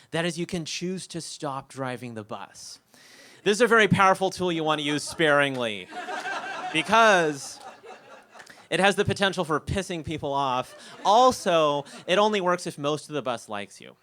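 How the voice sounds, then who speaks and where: A young man telling a comic story on a theater stage, wry and animated, often laughing. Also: on the high side.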